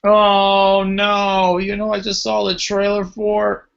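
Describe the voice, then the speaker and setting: Slightly high-voiced man hosting a podcast. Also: monotone, slow pace, vocal fry, fairly bright tone, smooth. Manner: opinionated, reads summaries stiffly. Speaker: podcast host. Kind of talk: casual movie chat. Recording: muffled lo-fi podcast audio.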